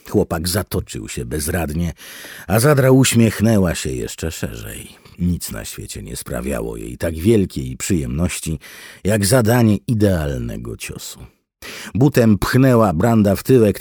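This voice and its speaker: A man giving expressive, scripted audiobook narration. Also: low-pitched, vocal fry, slightly rough, no room sound, studio quality. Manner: expressive storytelling with wide swings.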